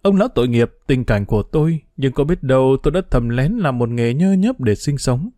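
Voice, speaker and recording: A man narrating a novel as a first-person diary, reading in an expressive, emotional way. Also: medium pitch, fairly quick, no room sound. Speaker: audiobook narrator.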